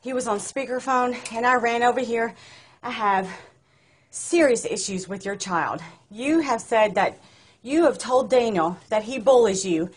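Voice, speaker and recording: A woman's voice: fairly high pitch, a little slow, husky. An out-of-breath mother, confronting a neighbor in a heated argument, recorded on a phone outdoors. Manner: confrontational, emphatic.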